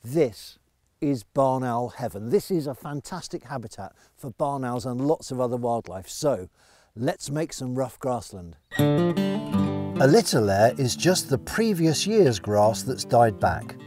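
Middle-aged man, warm low tone, keen field guide out in the grass, faint music behind. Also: lively intonation, measured pace. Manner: clear, enthusiastic explaining. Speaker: conservation educator. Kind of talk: instructional nature film.

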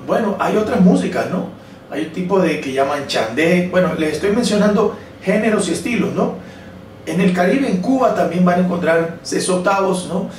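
A man teaching a guitar rhythm lesson, explaining and chanting beat syllables aloud. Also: fairly high pitch. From Colombia. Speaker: music teacher. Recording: echoey room, distant mic, clear background noise.

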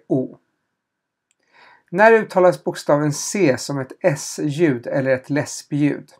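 Medium in pitch and somewhat dark in tone, the voice comes from a language teacher who runs a question-and-answer session, spelling letters and repeating them with patience while hesitating a little as he explains.

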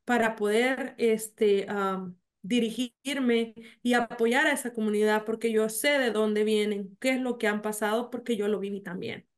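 A woman, telling her story haltingly over a video call, full of fillers and restarts. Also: fairly high pitch. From El Salvador. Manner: hesitant, many fillers and restarts. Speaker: mayor, interview guest. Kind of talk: remote interview. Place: small home office.

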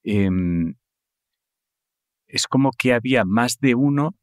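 A man with a Spain Spanish accent hosting a podcast, engaged and quick to chime in during casual conversation. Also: mid-range voice, animated, a little mellow, no echo, clean studio sound. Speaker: podcast host.

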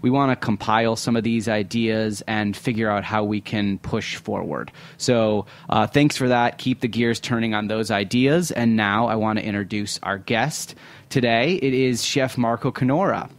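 A man's voice: on the low side, normal speed. A man hosting a food radio interview in a studio, talking in a loose, conversational way with some fillers and restarts. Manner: conversational, thinks aloud with fillers. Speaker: podcast host.

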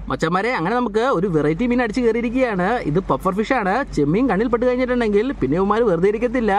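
Malayali guy doing hyped fishing commentary, fast n high, little bit of outdoor noise. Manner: energetic, hyped, addresses viewers as buddies. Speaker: fishing vlogger narrating.

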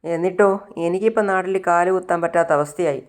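A man's voice: high-pitched, fast, lightly acted. A woman voicing a desperate man demanding money from his accomplice.

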